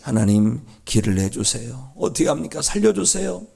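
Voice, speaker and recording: A man's voice: medium pitch, very animated, normal speed, vocal fry, a little mellow, slightly rough, exaggerated voice. A preacher voicing Moses, an earnest male leader, praying urgently to God for help for his people. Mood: pleading. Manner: urgent, pleading prayer. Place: church sanctuary.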